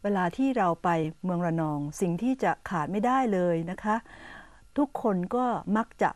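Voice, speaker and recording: A woman hosting an educational program, patiently explaining English words to Thai viewers and repeating them slowly and clearly. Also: medium pitch, expressive, darkish tone, no echo. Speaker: English teacher and host.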